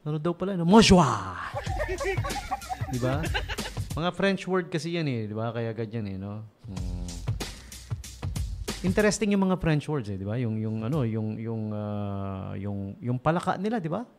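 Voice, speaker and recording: A man's voice: mid-range voice, sing-song, moderate pace, over music. A man with a Filipino accent hosting a casual radio show, joking and chuckling at his own puns. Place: radio studio.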